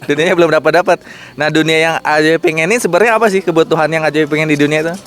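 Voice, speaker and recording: A man hosting, asking participants quick probing questions in a casual interview at a mosque gathering. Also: fairly high pitch, a bit bright. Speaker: host interviewing camp participants.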